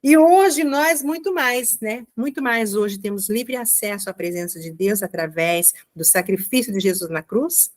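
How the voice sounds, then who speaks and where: A woman giving a commented Bible reading, explaining slowly with frequent checking asides. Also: medium pitch, animated. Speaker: Bible teacher.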